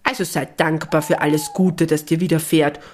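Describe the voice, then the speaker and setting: A woman voicing an earnest storybook companion, gently lecturing about friendship. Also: deep voice, fairly even intonation, moderate pace, a little hiss or hum, natural voice.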